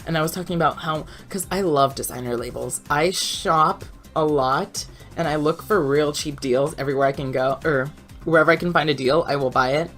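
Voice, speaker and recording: A woman's voice: low voice, fairly quick, fairly bright tone, soft background music. A young woman telling a chatty, rambling story as a voice-over, laughing often. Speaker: YouTuber.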